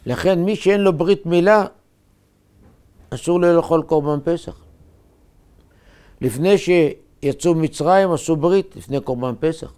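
Rabbi guy preaching, fairly high voice, short punchy phrases, slow and deliberate. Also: a little mellow, smooth. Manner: measured teaching with short emphatic phrases. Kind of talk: sermon.

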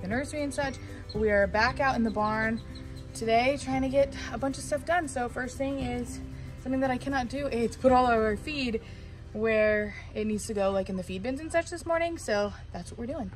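A woman's voice: fairly high pitch, poor audio. A young woman, heavily pregnant, chatting casually to her viewers while filming herself with a phone in a farm barn. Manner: chatty, talks to viewers and animals. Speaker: vlogger. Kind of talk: casual vlog narration. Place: farm barn and pasture, outdoors and in open barn. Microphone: phone held at arm's length.

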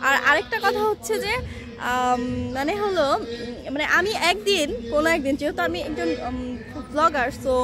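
A woman's voice: high-pitched, expressive, moderate pace, over music. A young woman from Bangladesh, chatting casually on a rooftop into a hand-held phone and rambling with many fillers and restarts. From Bangladesh (Bogura). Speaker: vlogger. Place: rooftop outdoors.

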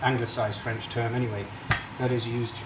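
At the stove of an indoor kitchen, a cooking show host chats to camera, explaining each step casually and wandering off topic. His medium-pitched voice stays level at a normal speed. Recorded off-mic from a distance, it's echoey, with hiss, frying sizzle, and stirring behind him.

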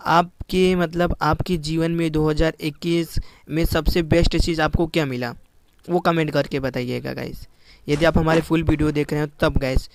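A man commentating his shooter game to viewers, excitable and repeating his words. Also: a little high, moderate pace, gravelly, no echo. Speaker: gaming YouTuber. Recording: loud background noise.

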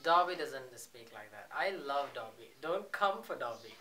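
A man's voice: mid-range voice, animated, moderate pace, bright, forceful tone. A man casually reacting to short clips, chatty and laughing often. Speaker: reaction video host.

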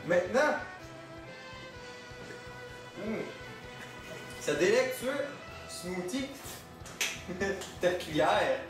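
A man's voice: high-pitched, lively intonation, very slow, pauses often, exaggerated voice. A young man with a Quebec French accent playing an eager grandson hosting an infomercial. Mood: upbeat selling. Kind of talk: parody infomercial presenting. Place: home kitchen, far camera. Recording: echoey kitchen, distant camera mic, music.

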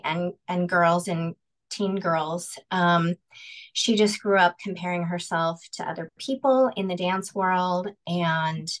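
A woman's voice: fairly low pitch, poor audio. A woman in her forties, a pageant director, talking earnestly and reflectively on a video call, with many ums. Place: home room indoors.

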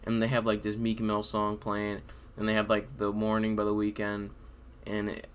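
In his late teens, this podcast host chats casually and informally from his bedroom, speaking through a desk microphone on a video call. His voice is lowish, smooth and monotone, delivered at a normal speed.

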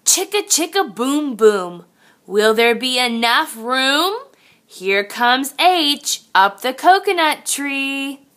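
This woman's reading of a children's picture book is very slow and deliberate, delivered in a bright, high voice that swoops up and down in a sing-song pattern. She sounds like a teacher addressing young kids.

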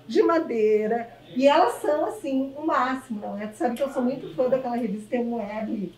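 A woman's voice: a little high, a little fast, darkish tone, roomy sound, far from the mic, poor audio. A woman from southern Brazil with a Gaúcho accent, hosting a TV show and chatting enthusiastically with a shop owner, often tagging her sentences with "né?". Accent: Gaúcho Brazilian Portuguese. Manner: effusive, chatty, keeps asking "né?". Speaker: TV show host. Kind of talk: enthusiastic on-location interview. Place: inside a small shop.

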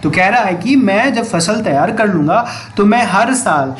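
A man's voice: high-pitched, lively intonation, unhurried, rough recording. A male teacher explaining an English story line by line in Hindi, translating each word and putting questions to his students.

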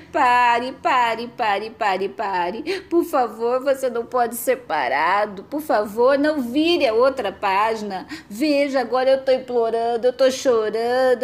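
A woman voicing a desperate male storybook character who melodramatically begs the reader not to turn the page. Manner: frantic, melodramatic pleading with wild pitch leaps.

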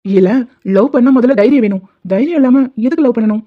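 A bold man, voiced by a woman, confidently urges the others to be daring in an animated story. The voice is a little high. The audio is dull. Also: quick pace. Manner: egging on, confident. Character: bold older man, urging courage.

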